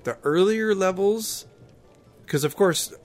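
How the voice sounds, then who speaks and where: With a voice that sits high and moves slowly, this male podcast co-host recounts gaming in relaxed, explanatory chat. Faint music and ambient noise can be heard behind him.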